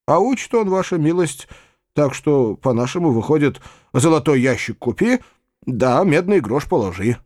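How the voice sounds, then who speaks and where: A man voicing humble old peasant men who plead in drawn-out, beseeching tones. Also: a little high, sing-song, darkish tone, no echo, clean studio sound, pitched above the performer's own voice. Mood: plain-spoken. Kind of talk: audiobook character voice.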